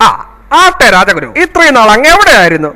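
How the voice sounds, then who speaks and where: A man's voice: very high-pitched, huge pitch swings, a little fast, sharp tone. A man playing a pompous, bumbling male king in a comedy skit, talking in an exaggerated, punning way. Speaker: comic performer playing a king.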